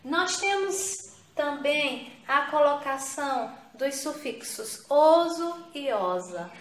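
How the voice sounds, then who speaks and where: A woman's voice: sits high, lively intonation, slow pace. A woman teaching a recorded grammar lesson to young pupils, patient and repeating herself, checking in with short questions. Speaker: primary school teacher. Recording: echoey room.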